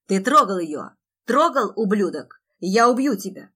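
A woman reading aloud, voicing a furious, jealous young man who shouts and snarls his accusations. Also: fairly low pitch, moderate pace, natural voice. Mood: enraged.

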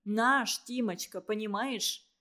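Woman reader as kindly heavyset uncle, slow and soothing, storybook. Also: mid-range voice, bright, forceful tone. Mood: coaxing. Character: kindly, portly middle-aged uncle, gentle and soft-spoken. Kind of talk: storybook reading.

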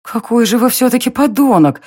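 A narrator voicing a quick-tempered young woman in an audiobook. She speaks high and sharp, and her indignant lines jump in pitch. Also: lively intonation, no echo, clean studio sound, natural voice. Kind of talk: audiobook reading.

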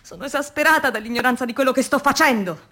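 The actress's high, expressive voice moves fast as she plays an exasperated, exhausted factory worker in anguish. It is a dramatic radio monologue of diary confessions, switching between hushed and vehement tones.

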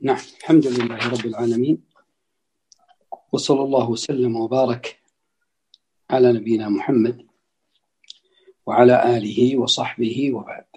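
A man's voice: mid-range voice, fairly even intonation, a little mellow, slightly rough. A man teaching as a religious scholar, explaining a classical text line by line and repeating key phrases. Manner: deliberate, repeats phrases for emphasis.

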